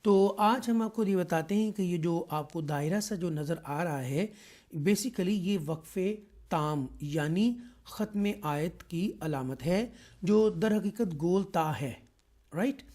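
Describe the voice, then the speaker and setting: Male Quran teacher from Pakistan, soft dark tone, patient and careful, lots of hesitant fillers. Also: sits high. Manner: explains slowly and carefully, with many drawn-out "aa" fillers. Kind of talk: online Quran lesson.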